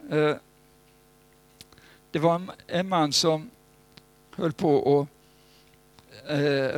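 Gravelly man preaching a sermon. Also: fairly high pitch. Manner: conversational storytelling, swings to loud pleading cries. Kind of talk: informal sermon.

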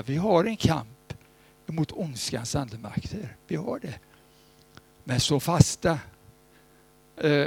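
Man, sermon, gravelly voice, slightly high pitch, dry close sound. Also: dry recording. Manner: conversational storytelling, swings to loud pleading cries. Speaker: preacher. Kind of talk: informal sermon.

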